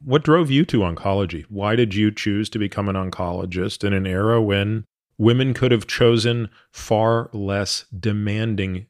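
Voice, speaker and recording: A man hosting a podcast, asking long, winding questions softened with frequent hedges. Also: on the low side, dry recording, studio quality. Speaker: podcast host. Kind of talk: long-form podcast interview.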